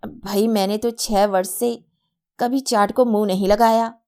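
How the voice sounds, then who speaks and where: A woman's voice: medium pitch, steady tone, unhurried, darkish tone, clean tone, close to an everyday voice. A woman reading a mild sleepy lawyer. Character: mild middle-aged male lawyer, sleepy husband.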